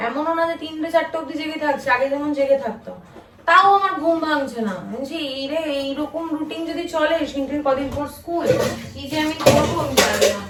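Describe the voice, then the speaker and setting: A woman's voice: high voice, brisk. A tired woman chatting casually to her viewers in a home vlog, complaining about chores and lost sleep. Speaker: family vlogger. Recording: echoey room, distant from mic, noisy.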